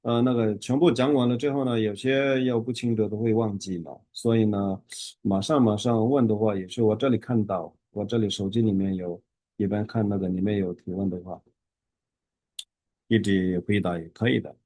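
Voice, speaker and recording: Male teacher with a lowish voice, dry sound, drills syllables slowly with halting fillers. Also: fairly even intonation, warm tone, no echo. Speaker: Tibetan language teacher. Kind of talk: online beginner lesson.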